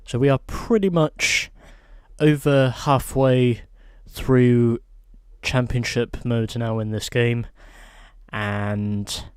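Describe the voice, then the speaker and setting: A man's voice: medium pitch, clean tone, dry recording, studio quality. A man hosting a let's play, chatting casually through gameplay and reading event text aloud.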